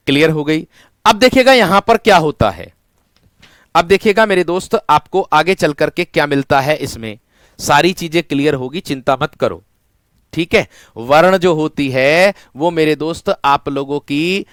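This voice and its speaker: A man teaches an online exam-prep class with a clear, smooth voice. He repeats every point, keeps asking his students questions and answers them himself, and keeps calling them his friends. The sound is dry, close and free of room echo. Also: a little high, a bit bright. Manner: repetitive call-and-response questioning, addressing students as friend.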